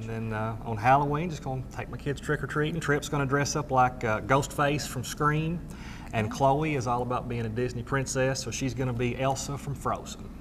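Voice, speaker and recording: A man's voice: medium pitch, a little hiss or hum. A man hosting a show in a casual, folksy style. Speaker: show host.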